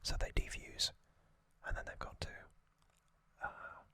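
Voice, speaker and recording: Breathy and entirely whispered, a man's storytelling as an ASMR host comes in halting, clipped phrases, with a pushed, bright quality.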